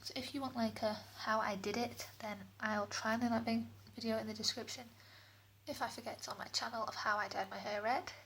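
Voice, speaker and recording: Her voice echoing off the bathroom walls, a British beauty vlogger briskly delivers a casual product review indoors. The voice is on the high side, steady and a bit bright, and background noise comes through clearly.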